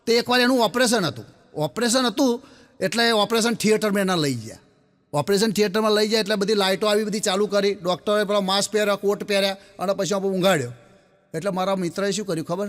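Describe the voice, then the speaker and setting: A man tells jokes as a stand-up comedian, his voice pitched high and carried by a long hall reverb. He chats along casually, laughs at his own lines and drops low to play the people in his stories. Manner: chatty storyteller, laughing often, dropping low for the characters. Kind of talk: Gujarati joke-telling monologue.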